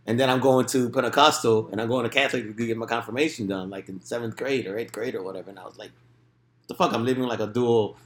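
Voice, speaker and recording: A man's voice: mid-range voice, fairly even intonation, quick pace, a little hiss or hum. A man telling stories casually in streetwise, profanity-laden slang, peppering his speech with bro and dude. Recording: roomy, echoing room sound.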